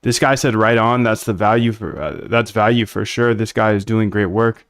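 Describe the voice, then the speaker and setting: A man's voice: lowish voice, normal speed, a bit bright, no room sound, clean studio sound. A man casually talking through his live coding stream, thinking aloud and answering chat bluntly. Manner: blunt, chatty, thinks aloud while working. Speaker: live-streaming developer of trading bots.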